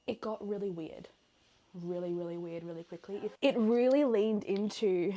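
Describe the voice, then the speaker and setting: A woman's voice: on the low side, darkish tone. An Australian woman chatting casually in her bedroom about a book while tidying clothes, rambling with lots of fillers. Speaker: book vlogger. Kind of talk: casual chat.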